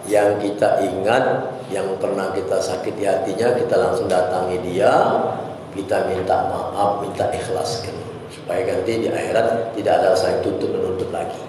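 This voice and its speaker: A man's voice: low voice, little pitch movement, moderate pace, a little mellow, slight background noise. A middle-aged man giving a religious lecture, telling stories animatedly and acting out the scolding voices. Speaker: preacher. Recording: very echoey hall with faint ambience.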